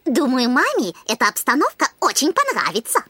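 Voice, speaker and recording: A woman's voice: sits high, huge pitch swings, a little fast, sharp tone, breathy edge, dry recording, full character voice. A woman voicing a cheeky, teasing young girl in a cartoon. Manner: teasing, sly.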